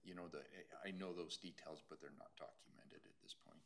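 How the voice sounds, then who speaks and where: Deep-voiced male staffer giving halting, unscripted meeting answers over slight background noise. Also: big pitch swings, creaky. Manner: halting, repeats words. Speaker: staff presenter answering questions.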